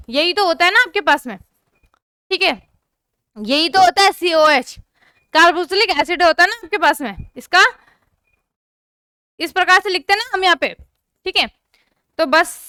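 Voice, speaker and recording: A woman's voice: extremely high pitch, pushed and bright, no room sound, clean studio sound. A young woman teaching an online chemistry class, often stopping to check whether her students have understood. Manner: repeatedly checks understanding, asks students to comment.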